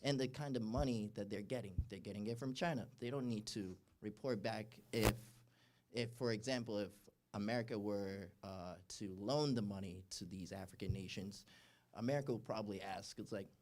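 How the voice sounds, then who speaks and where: A man's voice: lowish voice, normal speed, a little mellow. Hesitant man asking a question from the floor. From Uganda. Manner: hesitant, many fillers and restarts. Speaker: audience member asking a question. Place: town hall event, indoors.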